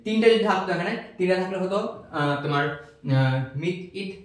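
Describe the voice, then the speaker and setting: A man's voice: high voice, expressive, brisk. A man teaching a recorded chemistry lesson, patiently repeating each step and checking that students follow. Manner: patient, repeats steps and asks checking questions. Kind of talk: recorded online lecture. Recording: echoey room.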